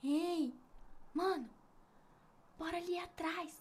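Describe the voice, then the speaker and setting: A woman's voice: extremely high pitch, slow pace. A female actor playing a wistful, imaginative young daughter in a naturalistic drama. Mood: conspiratorial.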